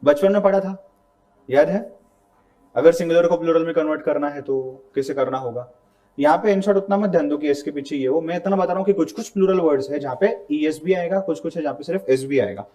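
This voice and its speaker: A man's voice: on the high side, brisk, dark tone. A male teacher giving a classroom grammar lecture, talking casually and often checking that students follow along. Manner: conversational, mixes English terms into Hindi, asks students to confirm.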